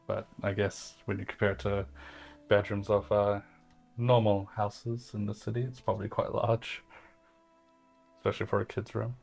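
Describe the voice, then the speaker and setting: A man's voice: on the low side, little pitch movement, normal speed, vocal fry, darkish tone, soft background music. A man playing his character in a tabletop game, talking in a rambling, hesitant way with many fillers. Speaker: player. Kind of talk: in-character tabletop role-play.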